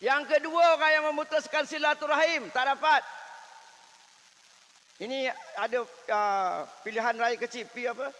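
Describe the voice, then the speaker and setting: A man preaching a sermon with a Malaysian Malay accent. His voice sits very high and sounds bright and sharp. It carries a long reverb, as in a hall. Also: fairly even intonation, unhurried. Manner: rhetorical questions, acts out prayers softly.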